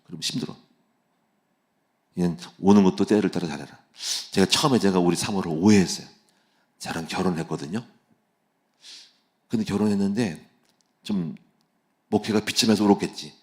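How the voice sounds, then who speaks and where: A man with a very deep, low voice delivers a dawn church sermon. He keeps it casual and conversational, asking his listeners rhetorical questions. He slips into animated storytelling as he goes. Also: brisk, pauses often. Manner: casual, conversational preaching with plain speech endings and rhetorical questions; vivid storytelling that acts out quoted voices. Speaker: pastor. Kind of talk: early-morning church sermon. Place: church sanctuary.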